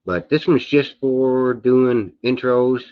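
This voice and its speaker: A man vlogging casually in a halting, folksy way, his words gummy and slightly sputtering as he talks without teeth in. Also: medium pitch. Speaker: video channel host. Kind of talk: casual rambling vlog talk. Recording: dull, muffled lo-fi sound.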